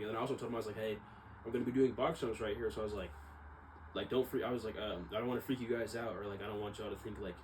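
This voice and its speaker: Unscripted and loose, this man's talk wanders, second-guesses itself and loops back over the same points. He has a fairly low, darkish voice, and the ambient noise behind him is clearly audible.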